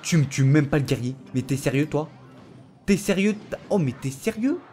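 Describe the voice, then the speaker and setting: Lively joking gamer. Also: male voice, fairly high pitch, moderate pace. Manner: joking, teasing, talks to the viewer and opponent. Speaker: gaming YouTuber. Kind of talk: casual gameplay commentary. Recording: faint background noise.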